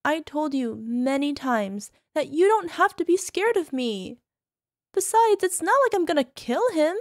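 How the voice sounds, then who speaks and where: A woman with a very high, girlish voice plays a young yandere wife in an ASMR roleplay, speaking straight to the listener. Expressive, a little mellow and measured in pace, she coos and coaxes in a sugary way, doting but possessive, with a sweetly menacing, controlling edge, and the recording is dry with no room sound.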